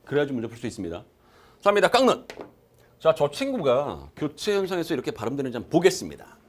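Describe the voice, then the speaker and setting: This medium-pitched male lecturer races along, his pitch swooping wildly, in a recorded exam-prep class held in a lecture room. Emphatic throughout, he asks students questions, answers them himself, and keeps repeating key terms to drill them.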